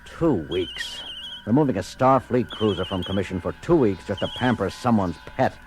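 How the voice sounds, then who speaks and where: An actor playing an exasperated, authoritative starship captain in an audio drama, giving clipped orders. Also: male voice, fairly low pitch, animated, moderate pace, close to an everyday voice. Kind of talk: dramatic audio theater acting. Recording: music under the voice.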